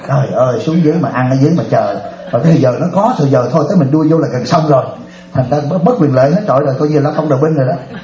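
A man's voice: medium pitch, rapid-fire, roomy sound, highs cut off. A Buddhist monk, animatedly telling stories in a dharma talk and often laughing with his audience. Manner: animated storyteller, often laughing, addresses listeners directly.

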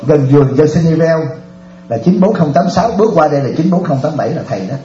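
A man's voice: on the high side, fast, echoey room, highs cut off. A Buddhist monk, animatedly telling stories in a dharma talk and often laughing with his audience. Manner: animated storyteller, often laughing, addresses listeners directly.

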